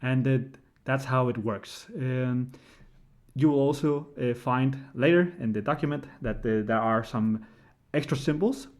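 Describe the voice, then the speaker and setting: A man's voice: mid-range voice, unhurried, a little mellow. Man tutoring step by step. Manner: explains step by step, keeps asking "right?". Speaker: language tutor. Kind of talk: casual screen-share tutorial.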